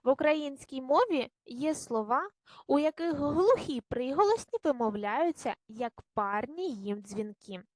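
A woman teaching young children in a video lesson, speaking slowly and clearly, asking questions and praising the answers. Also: sits high, animated, no echo, poor audio. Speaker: primary school teacher.

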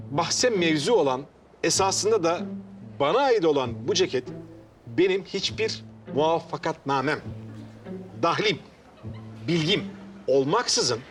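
A man's voice: a little high, fairly bright tone. An actor playing a courteous, long-winded man in a comedy series who argues to get his jacket back in flowery, formal words. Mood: pompous. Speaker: sitcom character.

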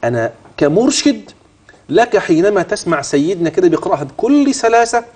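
A middle-aged man with an Egyptian Arabic accent teaching tajweed on a TV lesson, quizzing the viewer and modeling slow chanted recitation. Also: sits high, big pitch swings, darkish tone.

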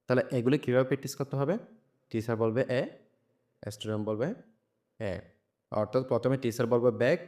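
A young man teaching a textbook lesson, reading each English phrase slowly and then translating it word by word. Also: medium pitch, fairly even intonation, a little mellow.

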